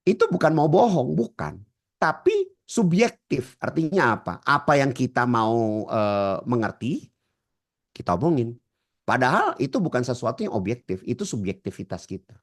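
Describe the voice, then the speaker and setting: A man's voice: medium pitch, very animated, normal speed. A man teaching a hypnotherapy class, often addressing his listeners directly and asking rhetorical questions he then answers himself. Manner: addresses the audience often as ladies and gentlemen. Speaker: hypnotherapy trainer. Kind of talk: lecture to a class.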